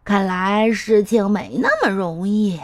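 A woman's voice: mid-range voice, sing-song, slow pace, pitched below the performer's own voice. A woman voicing a playful male monkey in a children's storybook, speaking in a soothing, encouraging way.

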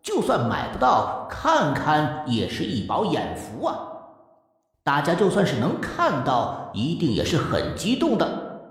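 A man voicing a showy male auctioneer in an audiobook, hyping the crowd in a drawn-out way. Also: a little high, wildly swooping pitch, voice pushed up, exaggerated voice. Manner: drawn-out, showman's hype. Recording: echoey hall effect over the loudspeaker.

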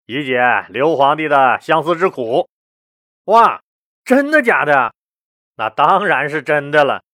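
A man's voice: on the high side, dry recording, studio quality. Chatty male history storyteller. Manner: chatty, lively, asks the listener rhetorical questions. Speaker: storytelling podcast host.

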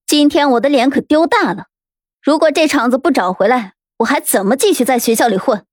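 A man's voice: extremely high pitch, a little fast, dry recording, clean studio sound, pitched above the performer's own voice. A man voicing a fierce teenage girl gang leader, threatening and sneering, in an audiobook. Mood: menacing. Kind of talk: audiobook character voice.

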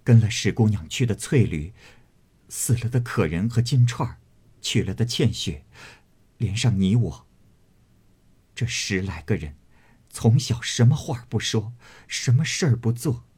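A man's voice: on the low side, animated, a little slow, long pauses, darkish tone, breathy edge, exaggerated voice. A man reading the part of a proud, fiery young maidservant who answers sharply and with indignation. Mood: earnest.

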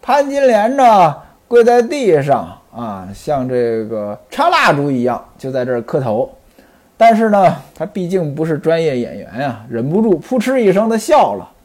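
A man's voice: fairly high pitch, wildly swooping pitch, moderate pace, a little mellow. A man telling a classical novel as a storyteller, chatty, with explaining asides.

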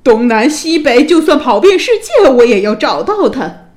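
A woman storyteller voicing a proud, quick-tempered young prince in a storybook tale, in an exclaiming, huffy manner. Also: mid-range voice, big pitch swings. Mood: excited.

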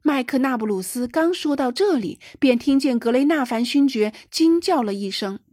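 Woman narrating a novel, fairly high voice. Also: lively intonation, moderate pace, darkish tone, no echo, clean studio sound. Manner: raises pitch and volume for quoted dialogue. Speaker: audiobook narrator. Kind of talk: scripted narration.

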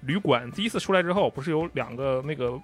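Casting: quick, mid-pitched male co-host, precise and analytical, faint music bed. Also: lively intonation. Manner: detailed, analytical, acts out line readings. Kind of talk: casual gaming chat.

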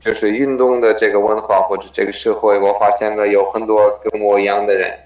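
In a roomy, slightly dull recording, a foreign man talks in accented Mandarin as an interview guest. His voice sits fairly low. He halts to search for words and drops in English terms. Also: level tone, fast talker. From abroad, not China. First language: not Mandarin. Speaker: triathlete, podcast guest. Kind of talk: conversational interview. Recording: roomy echo, dull lo-fi sound.

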